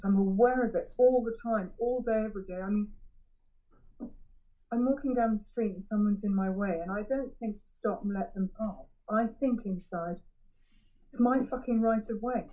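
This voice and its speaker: Warm-voiced woman sharing candidly. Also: mid-range voice, low-quality recording. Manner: halting, searching for words with frequent restarts; frank and self-examining. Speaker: member sharing at a recovery meeting. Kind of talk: personal share, candid reflection.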